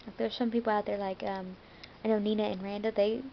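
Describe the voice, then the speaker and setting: A woman's voice: mid-range voice, flat delivery, a little fast, muffled recording, slight background noise. An American woman talking to her viewers in a casual vlog, rambling a little with fillers and self-corrections. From United States. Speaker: vlogger.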